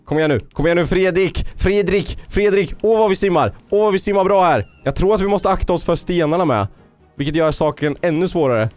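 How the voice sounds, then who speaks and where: A man narrating his own gameplay in a fairly high voice, excitable and loud with his character, cheering it on and scolding it by turns. English phrases slip in between his sentences. Faint game music plays behind him. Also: no echo. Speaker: gaming YouTuber. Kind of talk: let's-play commentary.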